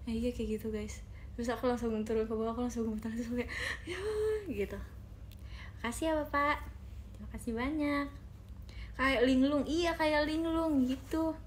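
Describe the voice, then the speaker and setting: A young woman with a slightly high, fairly even voice chats casually on a phone live stream from home, talking briskly with long pauses. She giggles, reads viewer comments aloud, and often calls her viewers "guys." A faint hiss or hum runs under the audio.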